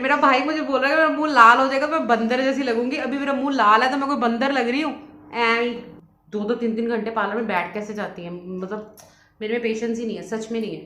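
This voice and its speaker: A young woman talks quickly and casually as she shares home beauty tips, often breaking into laughter. Her voice sits a little high. The room around her is echoey and hollow. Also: bright, forceful tone. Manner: fast-talking and laughs often. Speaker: beauty vlogger. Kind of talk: casual chatty vlog.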